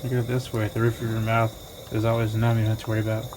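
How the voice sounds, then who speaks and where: A man's voice: on the low side, monotone, fast talker. A man chatting casually from off camera as a companion in a hospital room. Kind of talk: casual chat. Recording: clear background noise, off-camera voice.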